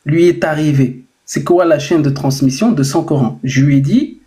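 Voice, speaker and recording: A man's voice: fairly high pitch, moderate pace, warm tone. A man hosting a live online debate, pressing the same question persistently, with hesitant fillers and restarts. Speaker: host and debater.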